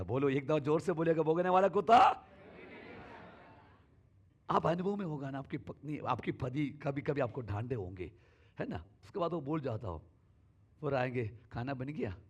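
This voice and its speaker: A male pastor preaching a sermon in a church, shifting between sudden loud calls and soft asides. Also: on the high side, sing-song, moderate pace, pauses often, breathy edge.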